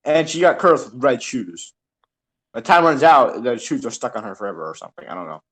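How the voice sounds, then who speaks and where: A man's voice: medium pitch, very animated, a little fast, a bit bright, breathy edge. A young man chatting casually on a podcast with friends, rambling and laughing, full of restarts and fillers.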